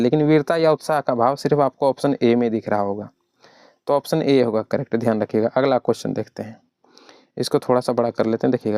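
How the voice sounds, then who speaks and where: A man's voice: mid-range voice, a little mellow, dry recording, studio quality. A male teacher running an online exam-prep class. He explains step by step, asks the students questions and answers them himself, and keeps calling the listener "brother". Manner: addresses the listener as "brother" over and over.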